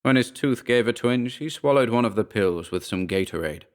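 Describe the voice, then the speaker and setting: In a mid-range, expressive voice, a man narrates a scripted horror story, his delivery measured and dramatic.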